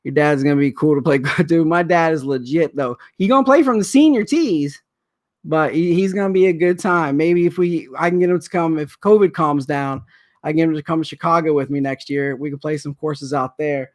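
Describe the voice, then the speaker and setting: A man in his thirties with a fairly high voice hosts a sports card breaking livestream, chatting casually at normal speed. He rambles, gets emotional, and repeats himself.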